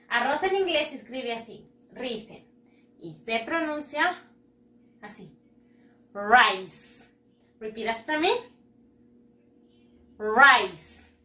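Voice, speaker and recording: Woman teacher, high animated voice, unhurried, echoey room. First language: Spanish. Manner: drills words, cheerful praise, switches between Spanish and English. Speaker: first grade English teacher. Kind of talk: bilingual lesson to children.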